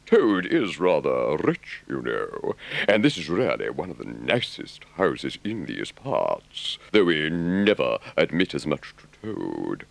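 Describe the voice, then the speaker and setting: A man voicing a good-natured, worldly river rat in an audiobook, with a deliberate, emphatic gentlemanly drawl. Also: very deep voice, huge pitch swings, gravelly, heavily acted. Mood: fond, confiding. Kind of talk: audiobook character voice.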